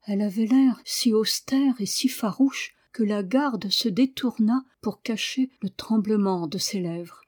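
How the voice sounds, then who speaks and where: A woman reading a novel aloud as audiobook narration, measured and expressive. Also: mid-range voice. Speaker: audiobook reader. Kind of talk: scripted narration.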